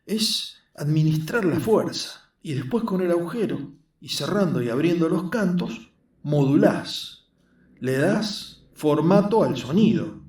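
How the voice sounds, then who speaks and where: A man's voice: lively intonation, unhurried, darkish tone. A man voicing an earnest, skinny young man, explaining his craft patiently. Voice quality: squeaky. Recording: roomy echo, mic at a distance.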